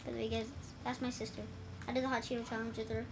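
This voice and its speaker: Filmed by phone in a noisy room, a woman plays a split-screen shooter on a TV while chatting and joking, swearing casually and laughing a lot. Her voice is high and creaky, with little pitch movement, and she talks at a racing pace.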